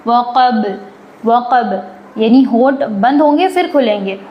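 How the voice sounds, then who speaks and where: A woman teaching a live online Quran recitation class. She recites slowly and drawn out, asks her class questions and answers them herself, and explains quickly in between. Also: high-pitched, expressive, highs cut off. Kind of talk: live online tajweed lesson.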